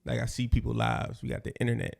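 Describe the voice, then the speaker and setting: A gravelly man in his forties chats on a podcast in a loose, slangy way. He rambles and restarts himself often. His voice sits at an ordinary middle pitch. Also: monotone, fast. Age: 40s. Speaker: podcast co-host. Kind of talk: casual podcast chat.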